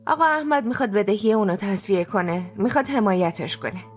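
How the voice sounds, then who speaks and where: A woman's voice: mid-range voice, lively intonation, breathy edge. A young woman dubbing a studious daughter in a TV drama, defensive and pleading with her mother. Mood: earnest. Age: young adult. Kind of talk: dubbed TV drama.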